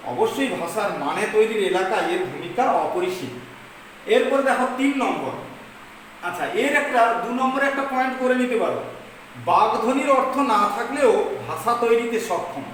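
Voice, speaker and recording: A woman teacher dictating a grammar lesson slowly, repeating each phrase so students can take notes. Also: on the high side. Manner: slow dictation, repeating phrases for note-taking. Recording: very echoey room, distant mic, faint noise.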